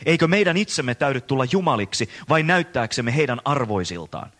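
A man's voice: mid-range voice, expressive, a bit bright, voice pushed up, close to an everyday voice. A man reading aloud the words of a frantic madman, in an impassioned, dramatic way with rising rhetorical questions. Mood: anguished. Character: frantic madman crying out that God is dead.

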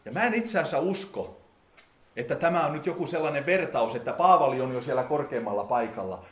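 A man preaching a sermon, talking directly to his listeners in casual speech and swinging between quiet and loud. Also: fairly high pitch, lively intonation. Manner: addresses listeners directly, colloquial. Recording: echoey hall.

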